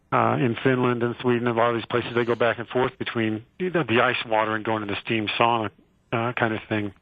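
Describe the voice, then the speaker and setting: A man, a physician guest on a radio show, explaining a treatment in a relaxed way with many fillers and restarts. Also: medium pitch, dry recording. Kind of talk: casual explanatory interview. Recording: tinny phone line.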